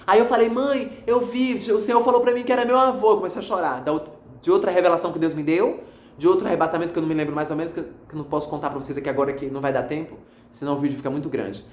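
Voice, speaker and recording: A man's voice: a little high, rapid-fire, darkish tone, a little hiss or hum. A man, a pastor giving a fervent, repetitive religious testimony and calling listeners his brothers. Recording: echoey room.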